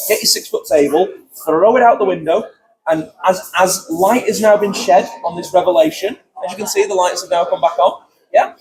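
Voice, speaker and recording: A man's voice: sits high, rough recording. A man hosting a vlog at a trade fair, talking bluntly and joking, with plenty of swearing. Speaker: vlog host interviewing magic dealers. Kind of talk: casual chat.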